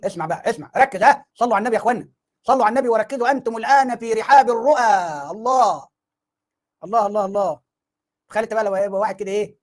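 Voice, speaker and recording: Man, Egyptian accent, sarcastic commentator, high-pitched, rhetorical jabs. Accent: Egyptian Arabic. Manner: sarcastic, mocking, rhetorical questions. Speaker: online commentator. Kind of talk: mocking video commentary.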